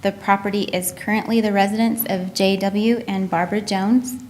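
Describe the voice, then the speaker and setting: Female staff presenter, medium pitch, very even intonation, formal report reading, faint noise. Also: moderate pace, low-quality recording. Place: public meeting room.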